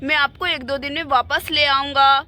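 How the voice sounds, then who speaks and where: A woman's voice: sits high, steady tone, sharp tone, slight background noise, pitched below the performer's own voice. A woman voicing a young groom who frets and hurries everyone along in a doll play. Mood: flustered. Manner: fretful, rushing.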